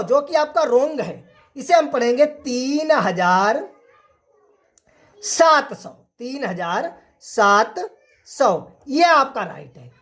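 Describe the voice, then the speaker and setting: A woman teaching an online maths lesson, who repeats each point and keeps asking the class rhetorical questions. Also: high-pitched. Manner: repetitive, drilling, asks the class rhetorical questions.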